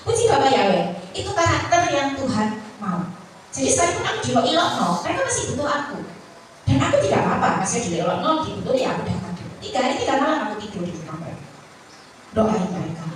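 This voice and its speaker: A woman preacher, giving a Sabbath sermon and telling her own story in an animated way, acting out the people she quotes. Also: a little high, fast talker. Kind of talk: Sabbath sermon with personal testimony. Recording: echoey hall, voice from far off, ambient noise.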